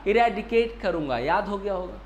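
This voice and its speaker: A man's voice: high voice, lively intonation, moderate pace. A male teacher giving an online exam-prep vocabulary lesson, drilling students with repeated rhetorical questions. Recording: echoey room, faint background hiss.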